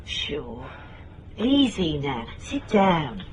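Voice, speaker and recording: Here the actress plays the same blunt, dryly wry middle-aged British detective for radio drama dialogue and noir narration, her low female voice sing-song, exaggerated and darkish, with drawn-out words. A little hiss or hum sits under it, and the mood comes across brisk and reassuring.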